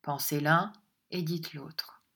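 A woman's voice: deep voice, fairly even intonation, slow, creaky, a bit bright, breathy edge, heavily acted. Curt scornful old miser, read by a woman. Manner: curt and impatient.

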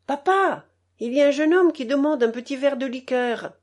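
A young sister from a storybook calls out brightly in a higher, lively voice, as a woman reader puts her on. Her tone is curious and quick.

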